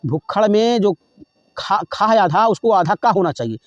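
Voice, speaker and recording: A male Hindi grammar teacher giving an exam-prep lesson, who drills spellings over and over, keeps checking in with his students, and often clears his throat. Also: sits high, lively intonation, normal speed, dry recording, dull audio. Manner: repetitive, drills spellings and says "ठीक है" often.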